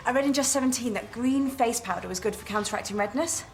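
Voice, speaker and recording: A woman's voice: on the high side, fast, lightly acted. An actress playing a nervous, chatty young woman in a TV soap who rambles and puts herself down. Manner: chatty, rambling, self-deprecating. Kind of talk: TV soap acting.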